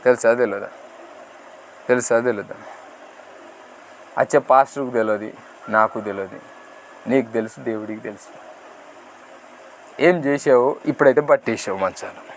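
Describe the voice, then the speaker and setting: A man preaching a fiery sermon as a pastor, swinging from loud outbursts to hushed asides and firing rhetorical questions. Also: medium pitch, normal speed, long pauses, a little hiss or hum.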